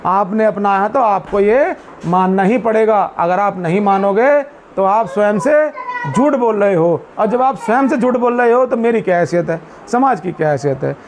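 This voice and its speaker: High-voiced man explaining to a gathering. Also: expressive, slight background noise. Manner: asks the audience questions and answers them himself; chants Pali verses slowly. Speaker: Buddhist speaker at a community meeting. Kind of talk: explanatory talk to a seated group.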